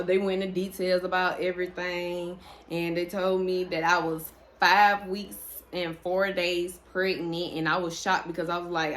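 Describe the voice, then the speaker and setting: A young woman, casually telling a personal story to her viewers, chatty and full of fillers. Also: on the low side. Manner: chatty, animated, lots of fillers and restarts.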